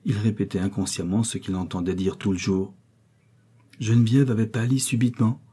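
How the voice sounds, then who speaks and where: A man reading a classic novel aloud in a measured narrating voice. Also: fairly low pitch, steady tone, mellow, breathy edge. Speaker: audiobook reader. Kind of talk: literary audiobook narration.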